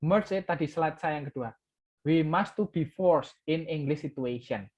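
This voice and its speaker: In a muffled recording, a man with a fairly high pitch teaches an English class at a moderate pace. He comes from Java, speaks Javanese as his first language and has an Indonesian accent. Shifting between English and Indonesian, he repeats key words with "ya".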